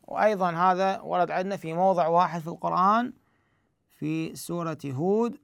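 A Quran recitation teacher gives a tajweed lesson, guiding learners through the rules step by step and posing questions to himself before answering them. His high voice has a gravelly edge but remains smooth and resonant, a bit bright and a little fast, recorded close and dry with no room sound.

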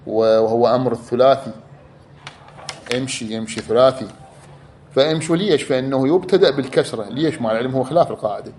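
A man's voice: medium pitch, darkish tone, slight background noise. A man teaching a class, explaining step by step, repeating key words and drawing out examples. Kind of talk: explanatory lecture.

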